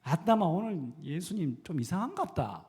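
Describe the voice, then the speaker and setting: A man voicing a scandalized, grumbling townsman with a Gyeongsang dialect, speaking loudly in exclaiming lines. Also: a little high, sing-song, moderate pace, pitched above the performer's own voice. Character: grumbling townsman, male adult, scandalized gossip.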